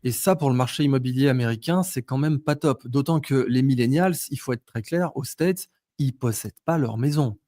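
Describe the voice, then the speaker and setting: A man, hosting a casual finance chat. He talks in a slangy, animated way. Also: medium pitch, brisk, no echo, clean studio sound. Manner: slangy, animated, stops to check charts. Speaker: host. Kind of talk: casual market commentary chat.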